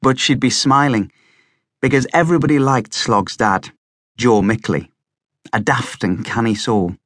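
A man reads an audiobook in a plain, steady manner. His mid-pitched voice is close on the microphone, and the recording is completely dry. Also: unhurried, no room sound. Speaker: audiobook narrator. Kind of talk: scripted audiobook narration.

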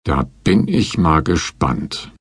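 A male narrator voicing a grumpy, sarcastic man with a croaking, cutting delivery. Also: rumbling low, animated, slow, no echo, clean studio sound, heavily acted.

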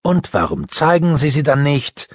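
A man's voice: on the high side, sing-song, no room sound, studio quality, voice pushed up. A man voicing a bold, bossy teenage girl who scolds her younger brother. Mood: defiant. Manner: quick, scolding.

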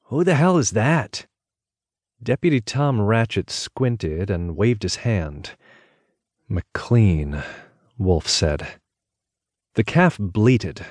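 A man narrating an audiobook in a measured, even storytelling delivery on a close microphone. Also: on the low side, dry recording.

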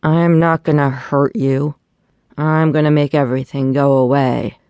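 A woman voicing a brooding male vampire billionaire who talks slowly, low and commanding. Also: steady tone, dark tone, no room sound, highs cut off. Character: brooding vampire billionaire boss, man, deep and somber.

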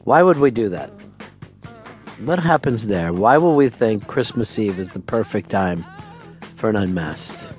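A man's voice: fairly low pitch, lively intonation, unhurried, pauses often, darkish tone, faint music behind. A man hosting a talk radio show, trading sarcastic, profane jabs with his co-hosts in the studio. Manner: teasing, sarcastic, swears freely.

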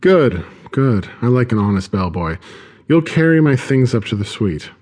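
A man voicing a menacing, hulking Russian villain in an audiobook, speaking with a gravelly Russian accent, cold and mockingly polite. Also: mid-range voice, very animated, moderate pace, darkish tone. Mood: pleased. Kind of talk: audiobook character voice.

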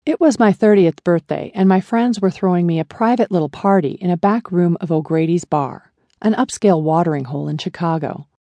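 A woman narrating a first-person memoir audiobook in a measured, even storytelling manner. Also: on the low side, no echo.

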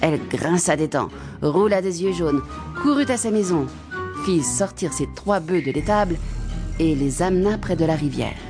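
Woman storybook narrator, lowish voice, expressive. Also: normal speed, music in the background. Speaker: audiobook narrator.

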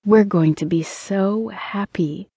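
A woman's voice: fairly low pitch, unhurried, dark tone, no room sound, studio quality. Woman voicing an earnest, hopeful young heroine. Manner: earnest, pleading.

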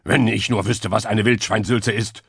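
A man voicing a simple, hungry wild boar in a children's audiobook, speaking gruffly. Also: fairly low pitch, little pitch movement, moderate pace, dry recording, clean studio sound. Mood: wistful.

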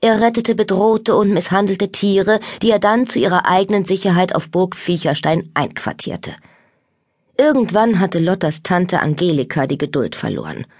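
A woman narrating a children's audiobook with lively, expressive storytelling on a close studio mic. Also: lowish voice, normal speed, no room sound.

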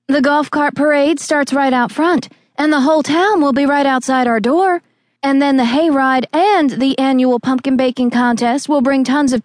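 A narrator acts out an excitable woman who runs a coffee shop in a cozy mystery audiobook. She is exasperated and pleading, pitched up high, in a dry recording. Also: no echo, close to an everyday voice.

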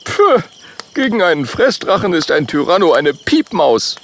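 A man's voice: sits high, very animated, moderate pace, creaky, slight background noise, pitched above the performer's own voice, full character voice. A man doing a brash bragging dragon boy. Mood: boastful. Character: boastful young male eating-dragon.

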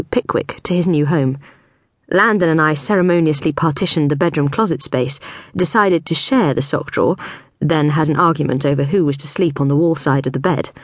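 Low-voiced woman narrating an audiobook. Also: no echo, studio quality. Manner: measured, wry storytelling. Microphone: close studio mic.

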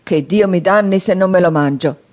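A woman reading an audiobook, voicing a menacing, hungry male convict who makes loud threats. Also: fairly low pitch, close to an everyday voice. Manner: loud, threatening, drawn-out demands.

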